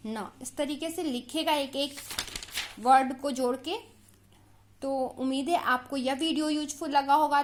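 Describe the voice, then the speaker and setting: A young woman teaching a reading lesson for young children, sounding out words one by one and explaining the method to parents. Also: high voice. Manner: reads words one by one, drawing out syllables; addresses viewers as friends, explaining to parents.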